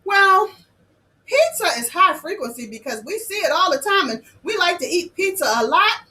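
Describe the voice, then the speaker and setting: A woman hosting a children's lesson, talking to the kids directly in an animated, sing-song way. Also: extremely high pitch, moderate pace, low-quality recording. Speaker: children's show host and teacher.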